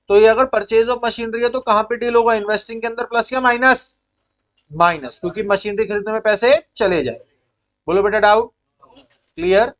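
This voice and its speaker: A man with an Indian accent teaching accounting in a lecture style, quizzing his pupils and repeating key points in mixed Hindi and English. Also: sits high.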